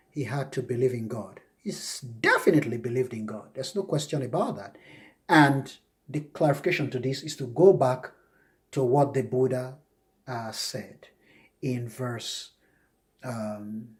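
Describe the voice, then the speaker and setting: A man giving a spoken commentary lecture on scripture, emphatic and repetitive, often jumping up high to act out mock questions. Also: unhurried. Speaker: religious commentator.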